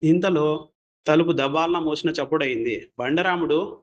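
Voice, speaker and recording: A man telling a folk story as scripted narration, steady and plain. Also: fairly high pitch, a little slow, dull audio.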